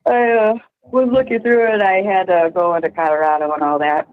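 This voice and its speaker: A woman chats on a prison phone, her voice narrow and tinny as on a recorded jail call. She talks in a relaxed, meandering way, laughing often, at an ordinary middle pitch. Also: fairly quick. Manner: easygoing, laughs often, fillers. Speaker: friend on the outside. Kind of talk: casual phone chat.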